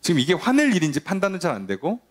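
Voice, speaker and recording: A man's voice: sits high, very fast. A male pastor giving a Sunday sermon, asking rhetorical questions and briefly acting out the people he quotes. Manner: lively preaching, acts out quoted voices, rhetorical questions.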